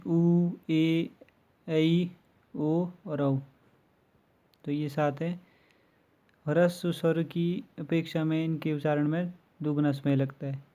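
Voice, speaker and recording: A man runs through lists of letters with examples, one by one, in a slow, methodical exam-prep grammar lesson. He has a mellow, dark voice that sits a bit high for a male speaker, and his delivery stays flat and even. The audio sounds dull.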